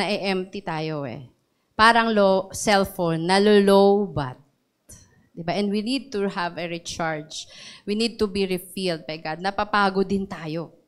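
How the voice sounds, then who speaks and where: A woman pastor with a Filipino accent preaching a sermon, calling out to the congregation and getting emotional over scripture. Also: medium pitch. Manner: mixes English into sermon, asks congregation for responses; emotional when reciting scripture.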